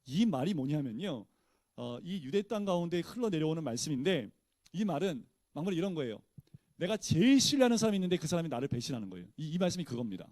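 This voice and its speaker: Pastor teaching, higher-pitched man, dry sound. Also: sing-song, fast, a little mellow, no echo. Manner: asks the listeners rhetorical questions and answers them; casual, conversational teaching tone. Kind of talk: Bible study teaching.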